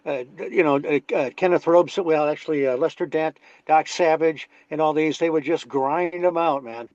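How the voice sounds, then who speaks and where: A man's voice: a little high, moderate pace, darkish tone, dry recording, highs cut off. A man chatting casually and rambling through his words with many fillers. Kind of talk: casual chat.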